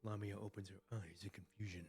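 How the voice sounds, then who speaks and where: Low-voiced man reacting to a game story. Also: fast talker, slightly rough. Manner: excitable, profane, exclamatory. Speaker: streamer. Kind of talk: game story reaction, casual commentary with dramatic read-aloud.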